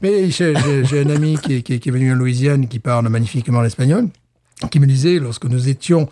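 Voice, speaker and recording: A man from France co-hosting a podcast in casual chat, animated, laughing often and stumbling over repeated words. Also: medium pitch, fairly quick. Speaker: podcast co-host.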